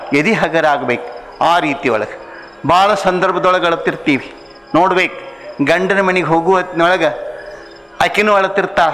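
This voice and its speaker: A man with a North Karnataka Kannada accent preaching a sermon in a high, bright, forceful voice. He tells homely stories and often turns to the audience with questions. The sound rings with the long reverb of a large hall. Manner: addresses audience with rhetorical questions, storytelling cadence. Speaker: spiritual teacher. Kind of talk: sermon with folksy storytelling.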